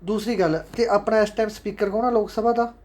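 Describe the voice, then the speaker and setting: A man's voice: high voice, fairly even intonation, a little fast, darkish tone. A man with a Punjabi accent teaching an online exam-prep lesson, chatty and fatherly, repeating key points again and again. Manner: chatty and fatherly, calls students "sons". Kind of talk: casual online lecture.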